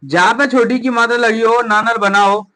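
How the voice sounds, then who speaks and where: A woman's voice: on the high side, steady tone, normal speed, fairly bright tone, low-quality recording. Woman drilling vowel signs. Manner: drilling, asks questions and answers them herself. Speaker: teacher. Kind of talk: children's Hindi phonics lesson. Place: coaching classroom.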